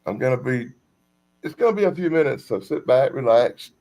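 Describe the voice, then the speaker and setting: A man's voice: medium pitch, lively intonation, a little fast, a little mellow. A middle-aged man from South Carolina, telling a long personal story on a video call in a casual, rambling, self-deprecating way. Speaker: storytelling guest. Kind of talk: casual chat. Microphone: video call, camera off.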